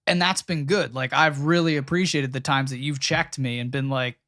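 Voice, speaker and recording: A man's voice: mid-range voice, normal speed, pushed and bright, dry recording, studio quality. A young man co-hosting a podcast, giving earnest, emphatic advice on marriage and parenting. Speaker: podcast co-host. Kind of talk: casual chat about marriage and parenting.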